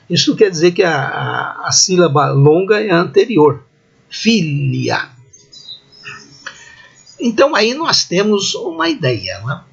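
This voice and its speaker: Man, middle-aged, teacher, slightly high voice, very slow and patient, dull recording. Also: vocal fry, fairly bright tone, husky. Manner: slow, patient, drawn-out pronunciation examples. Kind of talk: recorded lecture.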